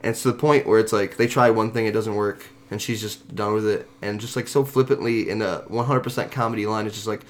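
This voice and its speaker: A man in relaxed casual chat, laughing easily and swearing offhandedly. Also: fairly low pitch, fast, hardly any pauses, slight background noise.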